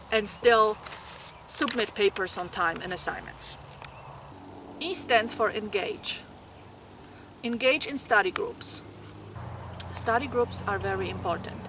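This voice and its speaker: With a Polish accent, a woman from Poland offers nursing students earnest, encouraging study advice, making small grammar slips along the way. Her medium-pitched voice is fairly bright, and the recording carries a little hiss or hum.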